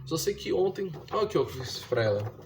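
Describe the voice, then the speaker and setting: A man's voice: on the high side, sing-song, fairly quick, darkish tone, a little hiss or hum. Chatty young Brazilian man explaining. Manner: chatty, explains step by step, slangy fillers. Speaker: vlogger teaching his younger sister to read. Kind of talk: casual slangy monologue to camera.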